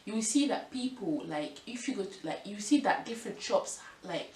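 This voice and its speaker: A woman's voice: medium pitch, expressive, normal speed, darkish tone. A woman in her twenties from France, vlogging in a casual, rambling way with lots of fillers and restarts. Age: 20s. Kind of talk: casual chat to camera. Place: room at home by a window. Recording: echoey room, mic at a distance, faint hiss.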